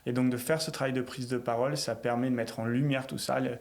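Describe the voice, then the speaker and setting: A middle-aged French man, a coach, talking in a podcast interview in a reflective, animated way, piling up short phrases. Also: medium pitch, fast talker. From France. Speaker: guest, coach for entrepreneurs.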